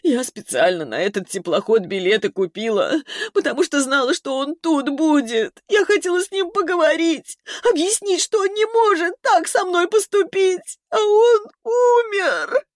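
A man reading an audiobook, voicing a tearful young woman who wails and sobs in a high voice. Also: expressive, rapid-fire, hardly any pauses, a little mellow, no echo, studio quality, close to an everyday voice. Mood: wailing. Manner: high, wailing and breathless. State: sobbing. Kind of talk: audiobook character voice.

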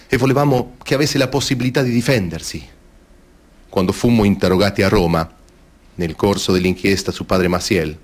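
An actor with a medium-pitched, everyday-sounding male voice plays a grave former seminarian. He delivers wounded testimony in a solemn, measured, theatrical monologue.

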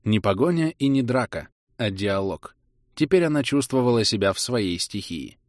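A man narrating a science fiction audiobook in a steady, measured reading. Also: medium pitch, no echo, clean studio sound.

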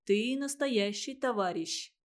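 A stern but kind old army colonel, as a woman reads him, speaking firmly and decisively. A storybook figure with a brisk, settled manner. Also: a little high, lively intonation. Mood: resolute. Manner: firm decisive.

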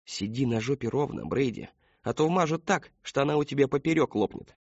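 A bold, cheeky schoolboy with a raised, quick voice, brash and defiant, as a male storybook reader puts him on. The tone is husky and dry, in a slightly dull audiobook recording. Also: mid-range voice, lively intonation, no echo, voice pushed up.

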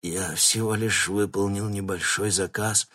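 A man's voice: lowish voice, normal speed, slightly rough. A man voicing a frightened young male shapeshifter pleading with his captors in an audiobook. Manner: pleading, babbling.

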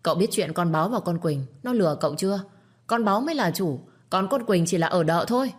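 A woman voicing a spiteful young wife in a told story, speaking in a shrill, accusing and pleading way. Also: animated, quick pace, breathy edge. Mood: scornful. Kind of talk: storytelling with acted dialogue.

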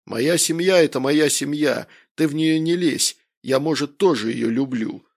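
A man's voice: mid-range voice, animated, moderate pace, vocal fry, breathy edge. A man voicing a brash, hard-drinking middle-aged man with a blunt, boisterous way of talking, in an audiobook. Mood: angry.

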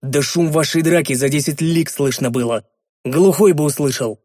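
A man's voice: a little high, moderate pace, darkish tone, no echo, clean studio sound, lightly acted. Man voicing a stern, barking leader. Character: gruff male leader, quick-tempered then easing.

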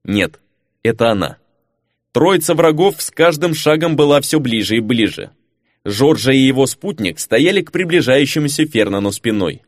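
A man narrating a fantasy audiobook with an expressive reading. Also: mid-range voice, normal speed, no room sound, clean studio sound.

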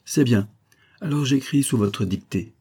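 A man's voice: mid-range voice, measured pace, mellow, husky, pitched above the performer's own voice. A man voicing a cold, rival army commander in an audiobook, curt and formal.

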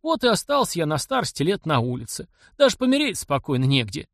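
Old servant, tearful and plaintive, folksy speech, lively high voice, read by a man. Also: fairly quick, no echo, studio quality. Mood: tearful lament.

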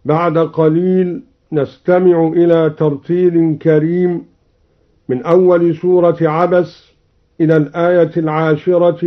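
A man on the radio explaining Quran reading variants in a measured way, chanting each quoted verse, on a dull old broadcast recording. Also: a little high. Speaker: Quran recitation teacher on radio.

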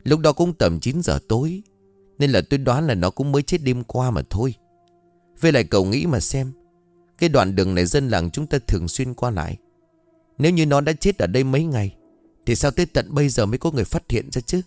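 A man voicing an older village chief who explains things in a measured way. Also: mid-range voice, very animated, a little mellow, no room sound, soft background music, pitched above the performer's own voice. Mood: reasoning.

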